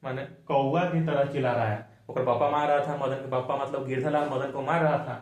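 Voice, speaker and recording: A man teaches a chapter for board exams in loose, colloquial speech. He keeps asking his own questions and answering them, drilling the points. His mid-pitched voice rings in a roomy, echoey space. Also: steady tone, a little fast. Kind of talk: exam-focused chapter explanation. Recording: echoey room.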